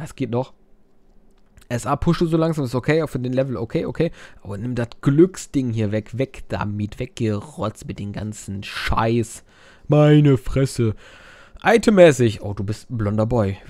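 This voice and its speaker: A man's voice: a little high, a little mellow, no echo. A young man doing casual game commentary, reading viewer messages aloud in silly voices and swearing while joking around. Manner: crude, joking, swears a lot. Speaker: let's player.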